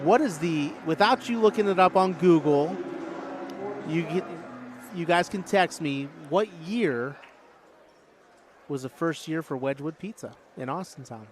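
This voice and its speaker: A man calls a high school basketball game play by play, slightly high-voiced and chatty, tossing in jokes between plays. The crowd and game sounds in the gym run clearly underneath. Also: expressive, a little slow. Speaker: play-by-play announcer. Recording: noisy gym broadcast.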